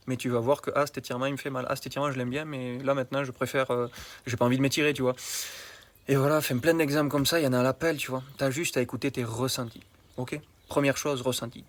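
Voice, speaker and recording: A man, a health coach, talking to the viewer in a casual, colloquial vlog monologue with bursts of emphasis. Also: mid-range voice. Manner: colloquial and familiar, addresses the viewer directly.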